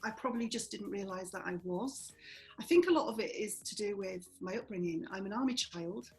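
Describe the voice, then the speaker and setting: A woman's voice: medium pitch, expressive, fairly quick, faint music behind, poor audio. Blunt, outspoken woman in her forties. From born in Germany, raised in army families. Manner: blunt, outspoken, laughs often. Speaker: property trainer, guest. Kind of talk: candid interview conversation.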